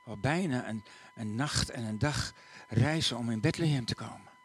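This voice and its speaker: A man telling a story to listeners in an animated way, acting out the characters. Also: medium pitch, moderate pace, husky. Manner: animated, acts out the voices.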